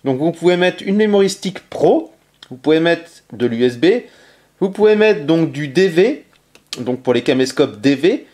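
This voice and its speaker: In a relaxed show-and-tell, a man presents a collected game console, stumbling through fillers, pauses and corrections of himself. He sounds a little high and a little mellow.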